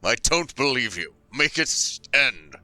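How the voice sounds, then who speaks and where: A man voicing a large, protective male warrior with a deep, gruff voice. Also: big pitch swings, measured pace, sharp tone, no echo, faint music behind, full character voice. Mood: stern. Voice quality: deep and booming.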